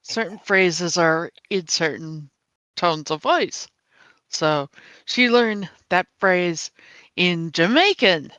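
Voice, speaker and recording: A woman narrating as game master, slow and unhurried with filler pauses. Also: fairly low pitch, a bit bright, no echo. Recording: dull lo-fi stream mic.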